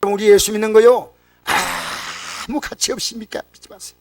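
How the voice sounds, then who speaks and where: A male pastor preaches with a high, ringing voice, rising to loud cries and dropping to near-whispers. His speech carries regional Korean dialect. The sound is dry and set back from the microphone. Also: wildly swooping pitch, moderate pace, gravelly, dry recording, recorded from a distance. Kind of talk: sermon.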